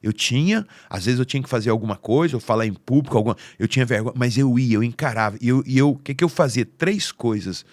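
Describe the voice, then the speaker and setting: A man with a Brazilian accent tells an emotional family story on a podcast, slipping into the voices of the people in it. His voice sits at a middle pitch. It sounds dry and close on the mic. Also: fast talker, hardly any pauses, darkish tone, no echo. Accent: Brazilian Portuguese. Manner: heartfelt, acts out quoted family voices. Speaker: podcast speaker.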